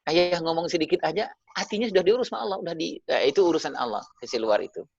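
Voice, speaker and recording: A man's voice: a little high, animated, fast talker, creaky, slightly rough, no echo. A man giving a parenting talk to parents over a video call. He speaks to them directly and keeps tagging his points with little fillers. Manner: addresses parents directly, with frequent tag fillers. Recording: dull lo-fi video-call audio.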